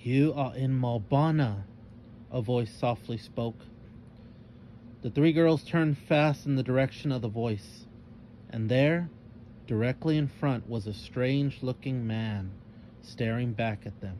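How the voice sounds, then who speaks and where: A male storyteller reads a children's adventure with measured drama. His voice is mellow and dark, and his pace is very slow. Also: medium pitch, slight background noise, low-quality recording. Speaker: narrator. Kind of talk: storybook reading.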